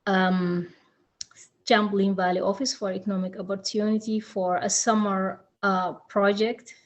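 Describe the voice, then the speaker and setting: A woman from Sudan, a district's new DEI director, introducing herself at a town hall in a halting way, with many fillers and restarts. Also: medium pitch, little pitch movement, highs cut off.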